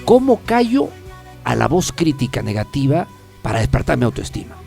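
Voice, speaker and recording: A man's voice: mid-range voice, very animated, moderate pace, vocal fry, over loud music. A man hosting a self-help talk program, speaking emphatically and repeating key phrases for the listener. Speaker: self-help radio host. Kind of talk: motivational talk show monologue.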